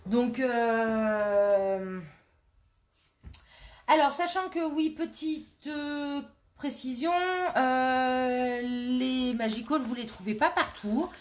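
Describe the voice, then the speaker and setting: A woman's voice: high-pitched, very slow, a little hiss or hum. Chatty woman demonstrating crafts live. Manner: chatty, hesitant, many fillers and restarts. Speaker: scrapbooking live host. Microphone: camera on a tripod.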